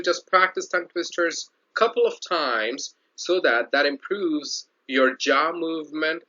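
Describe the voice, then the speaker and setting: Bright-voiced man teaching on a lo-fi recording. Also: medium pitch. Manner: explains slowly with many fillers and restarts; instructive, repeats key points. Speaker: English teacher. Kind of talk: online English lesson. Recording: dull lo-fi sound.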